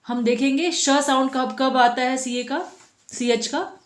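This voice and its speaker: A woman's voice: sits high, echoey room. A woman teaching a phonics lesson to children, patiently sounding out letters one by one and asking the class questions.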